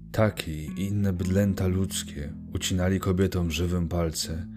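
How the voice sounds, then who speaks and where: A man narrating a literary story in a measured, solemn reading. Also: sits low. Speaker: audiobook narrator. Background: guitar music.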